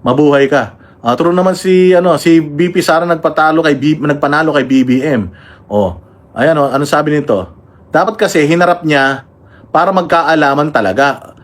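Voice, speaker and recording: A man doing heated live-stream political commentary, ranting and swearing at opponents between shout-outs to members. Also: on the high side, normal speed.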